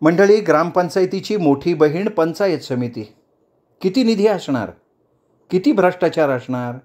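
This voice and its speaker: Guy doing a bold woman politician from an audiobook, firing up a crowd, commanding, pitched up. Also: expressive, normal speed, a little mellow. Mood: defiant. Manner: rousing public speech, commanding. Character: defiant woman council chair, fiery orator.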